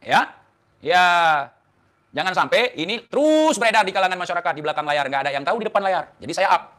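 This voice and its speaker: A man's voice: high-pitched, expressive, fast, a bit bright. A man hosting an online talk show, delivering a defiant, taunting monologue to the camera full of rhetorical questions. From Indonesia.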